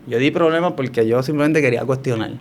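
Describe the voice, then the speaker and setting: A man's voice: medium pitch, fast, a little mellow. Man, Puerto Rican Spanish accent, guest telling a personal story, reflective, restarts often, faint noise. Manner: reflective, hesitant with many restarts. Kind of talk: conversational testimony.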